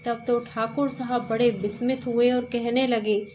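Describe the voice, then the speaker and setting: A woman reading a classic story aloud as a storyteller, with measured, steady delivery. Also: a little high, a little hiss or hum.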